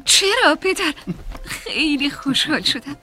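A woman's voice: sits high, animated, bright, forceful tone. A woman voicing an affectionate young daughter in a dubbed film. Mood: glad.

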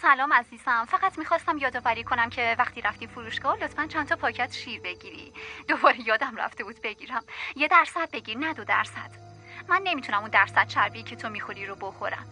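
An actress voicing an affectionate young wife leaving chatty, scattered reminders, in dubbed game dialogue. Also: female voice, on the high side, expressive, sharp tone, faint music behind.

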